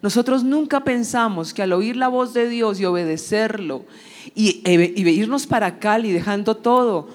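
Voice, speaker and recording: A woman giving an emotional church testimony, telling her story in an animated way and acting out the dialogue. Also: medium pitch, normal speed. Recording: long hall reverb.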